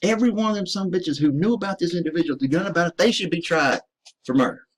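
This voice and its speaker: A high-pitched American man, a military veteran, speaks quickly with a breathy edge. He delivers a profane, emphatic rant to his listeners, calling them "ladies and gentlemen."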